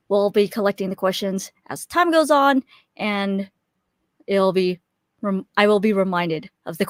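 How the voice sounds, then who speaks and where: Waiting for her audience to show up, this young webinar host talks in a friendly, chatty way, leaning on fillers and often restarting her sentences. Her medium-pitched voice comes through a USB desk microphone, and the clean studio sound has no room ambience.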